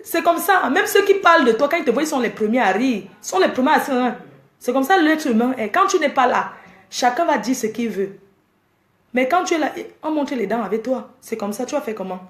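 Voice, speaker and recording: A woman's voice: high-pitched, expressive, a little fast, reverberant. A woman ranting at her fans on a casual live stream, scolding and exasperated as she lectures her viewers. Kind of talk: casual Facebook live rant.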